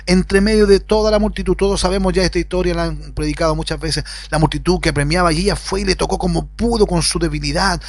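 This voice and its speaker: A man preaching a sermon, swinging between loud emphatic rises and quiet lowered phrases. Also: vocal fry, no echo. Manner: preaching with sudden rises and drops in pitch. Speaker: pastor. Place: at home.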